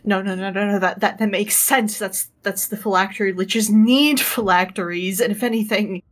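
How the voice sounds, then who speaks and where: Female tabletop player, mid-pitched, casual and improvised, with a halting think-aloud delivery. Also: fairly even intonation. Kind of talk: casual improvised game chat.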